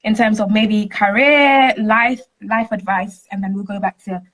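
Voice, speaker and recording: A woman's voice: mid-range voice, steady tone, measured pace, fairly bright tone, low-quality recording. A woman hosting a casual online interview. She is upbeat, laughs often and keeps urging the audience to join in. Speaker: host.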